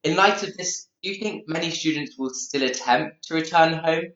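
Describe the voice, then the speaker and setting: A man's voice: on the high side, moderate pace, a bit bright. Male radio interviewer, roomy sound. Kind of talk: prepared news interview questions. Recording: echoey, slightly dull audio.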